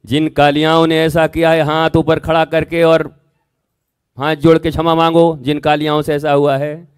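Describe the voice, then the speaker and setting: A man giving a Hindi spiritual sermon as a religious teacher, telling scripture stories and acting out their dialogue, with sudden loud emphatic bursts. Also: a little high, little pitch movement, moderate pace, clear, resonant tone.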